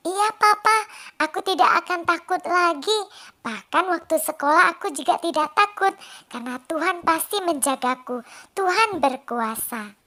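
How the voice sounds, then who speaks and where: A woman's voice: extremely high pitch, lively intonation, normal speed, bright, forceful tone, exaggerated voice. A woman voicing a small, timid little girl in a children's church story play, speaking in a childlike, earnest way. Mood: awed.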